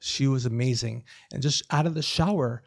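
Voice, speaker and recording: A middle-aged man co-hosting a casual comedic podcast, animated and jokey, dropping into put-on voices for bits. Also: mid-range voice, normal speed, gravelly. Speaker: podcast co-host.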